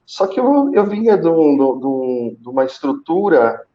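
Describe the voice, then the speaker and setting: As a guest on a live interview, a Brazilian call center senior manager tells his personal story in Portuguese, his Brazilian accent clear. He talks conversationally but haltingly, repeating words and pausing, in a slightly high and very animated voice. The audio has its high frequencies cut off.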